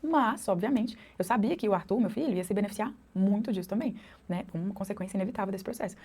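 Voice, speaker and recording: A woman's voice: mid-range voice, fast talker, darkish tone, slightly rough. A Brazilian woman in her thirties, an English teacher and mother, talking to camera in a chatty vlog with a Brazilian Portuguese accent, often adding tag questions.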